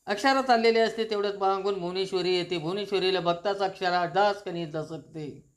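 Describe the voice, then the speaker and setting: Man, high voice, storyteller, animated retelling, quick character switches. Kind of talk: retelling a TV serial episode, voicing every character.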